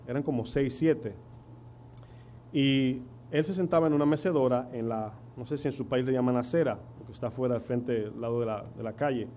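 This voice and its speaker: Warm and medium-pitched, the voice belongs to a middle-aged pastor from the Dominican Republic with a Dominican Spanish accent. Preaching in a church, he tells stories and poses rhetorical questions to the congregation, while faint hum and noise sit under the recording.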